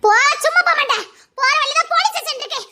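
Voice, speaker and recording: Brief: a woman voicing a squeaky-high, bright, shrill scolding wife, taunting and loud. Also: expressive, fast, heavily acted. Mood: defiant. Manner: shouting, taunting, mocking laughs.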